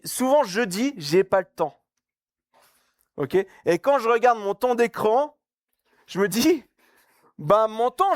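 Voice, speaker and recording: A man's voice: high voice, no echo, studio quality. A young man giving a casual, joking sermon at a youth camp. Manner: joking, chatty, laughs often. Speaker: camp speaker.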